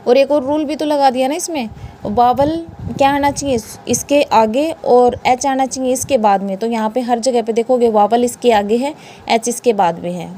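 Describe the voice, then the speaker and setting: A woman's voice: a little high, dark tone, slight background noise. A woman with an Indian accent teaching English pronunciation in a classroom style. She spells words letter by letter and asks questions that she answers herself.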